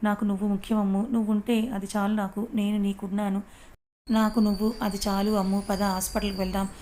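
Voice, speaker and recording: A woman voicing a young husband in a read-aloud audio story, speaking in an even, steady way. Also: mid-range voice, brisk, slight background noise, close to an everyday voice. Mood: pleading. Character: young husband, pleading and upset.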